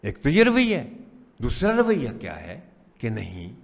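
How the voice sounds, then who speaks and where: A man's voice: medium pitch, huge pitch swings, vocal fry, big-room sound. A man giving an earnest spoken lecture to teachers, asking rhetorical questions and urging them on. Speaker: teacher trainer.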